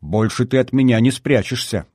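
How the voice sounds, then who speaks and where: A man's voice: medium pitch, sing-song, normal speed, darkish tone, breathy edge, no room sound, clean studio sound, pitched above the performer's own voice. A man reading an audiobook, voicing a tearful, overjoyed young woman who talks in breathless, affectionate bursts. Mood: teasing. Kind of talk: audiobook character voice.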